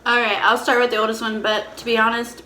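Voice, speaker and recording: A woman's voice: fairly high pitch, little pitch movement, quick pace, bright, forceful tone. A woman chatting casually as she hosts a question-and-answer video, informal and repeating phrases as she explains. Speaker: host of a couple's Q&A mukbang video. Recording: roomy echo, faint background noise.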